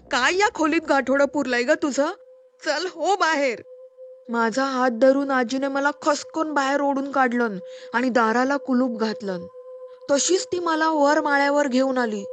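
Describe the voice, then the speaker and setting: High-voiced woman narrating a horror story. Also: a little hiss or hum. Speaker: storyteller and podcast host.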